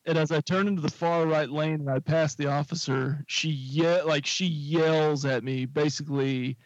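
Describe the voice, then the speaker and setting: A podcast co-host whose voice is a little high spins a long, meandering story on a talk show, loaded with fillers and side remarks. He keeps a fairly even intonation at a moderate pace, and the lo-fi audio has no echo.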